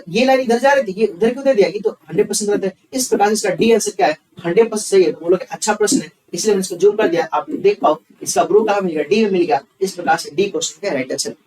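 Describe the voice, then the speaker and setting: A man teaches a reasoning class. His voice sits high, and he talks fast as he counts through the sums aloud, asking his students questions and answering them himself. He sounds a little distant from the microphone. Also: a little hiss or hum. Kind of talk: online exam-prep class.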